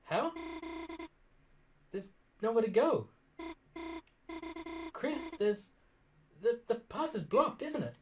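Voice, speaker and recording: A man voicing a timid, nervous young girl deer from a game, reading her lines aloud with a halting, stammering delivery. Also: very high voice, big pitch swings, a little hiss or hum, exaggerated voice. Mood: worried.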